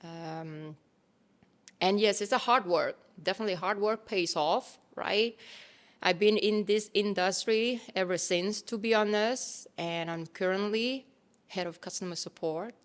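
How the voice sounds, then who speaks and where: A Thai woman in her thirties chats casually as an interview guest, her relaxed phrasing full of fillers and restarts. She speaks at a measured pace in a medium-pitched voice.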